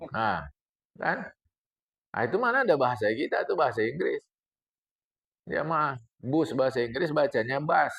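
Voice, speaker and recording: An older man teaches a study circle, his speech lively and full of asides to the listeners. His voice is gravelly with a slightly raised pitch. He recites Arabic lines and then unpacks them plainly. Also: moderate pace, pauses often. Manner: animated lecturing, addresses the congregation, recites Arabic text then explains. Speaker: religious teacher. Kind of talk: mosque study-circle sermon.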